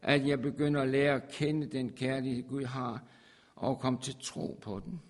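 A man preaching a sermon to his congregation. He repeats phrases for emphasis and swings from soft, quiet passages to loud, forceful peaks. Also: mid-range voice, steady tone.

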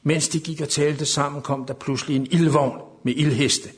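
Man preaching and reading scripture. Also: fairly even intonation. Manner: rises to loud, high emphatic reading in dramatic passages.

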